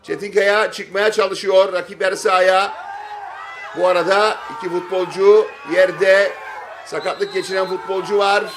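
A man giving excited football play-by-play in clipped short phrases, shouting and stretching out his calls at big moments. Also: high voice, a little slow. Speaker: football match commentator. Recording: stadium crowd noise behind voice. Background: football crowd.

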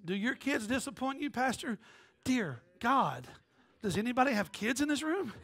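Man, pastor, fiery sermon, high voice, lively swooping pitch, church. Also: moderate pace. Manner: fiery, shouting, whooping with the congregation. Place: church sanctuary.

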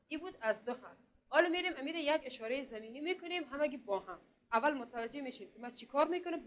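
A woman with an Afghan Dari accent teaching a beginner literacy class, patient and repetitive, often checking that students follow. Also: fairly high pitch. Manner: patient, repeats and checks understanding. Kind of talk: classroom lesson.

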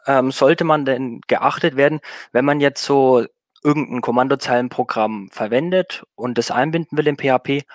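A man giving a technical talk at an online meetup, loose and conversational, stopping to fix his own words. His voice sits at an ordinary pitch. The sound is dry and close, with no room around it. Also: no echo. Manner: relaxed, many fillers and self-corrections. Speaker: meetup speaker.

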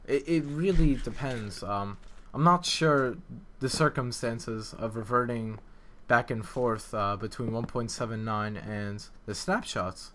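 Explaining things in a hesitant, rambling way, a game map developer and video maker talks unscripted at a measured pace, his mid-range voice a bit bright. Clear background noise and clicks run through the recording.

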